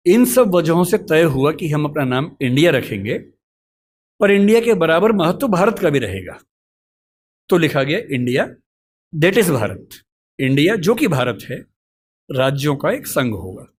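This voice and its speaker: A middle-aged man lecturing calmly at a college, explaining a question step by step with a reasoned, storytelling manner. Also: fairly high pitch, unhurried, long pauses, slightly rough. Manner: calm, reasoned, storytelling asides. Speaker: lecturer answering student questions. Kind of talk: measured explanatory lecture talk.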